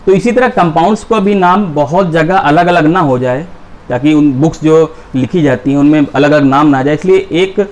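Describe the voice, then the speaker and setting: Man lecturing chemistry, rather high voice. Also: moderate pace, a little mellow. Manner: asks students questions and answers them himself. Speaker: chemistry teacher. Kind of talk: classroom lecture.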